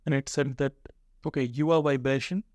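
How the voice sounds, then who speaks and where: A man's voice: mid-range voice, steady tone, fairly quick, darkish tone, dry recording, studio quality. A man hosting a podcast, thoughtfully bringing up something he read and asking about it. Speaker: podcast host. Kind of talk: casual conversation.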